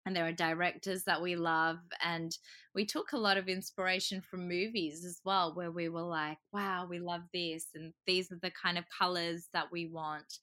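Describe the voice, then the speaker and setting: With a lowish, pushed and bright voice, this woman from Croatia chats away as a guest on a podcast interview. She laughs a lot and performs other people's quoted words as she recounts them.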